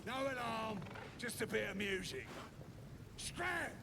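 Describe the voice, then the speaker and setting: An actor voicing a crude, boastful male goblin brute in a video game, with a coarse, gravelly voice. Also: high-pitched, lively intonation, slow pace, very noisy, heavily acted. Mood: dismissive. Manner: gloating, bossy, dropping word endings.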